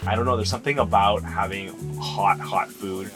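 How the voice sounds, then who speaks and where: Relaxed man over loud music. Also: fairly low pitch, normal speed. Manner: relaxed, plain storytelling. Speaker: vlog co-host. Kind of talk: casual vlog narration.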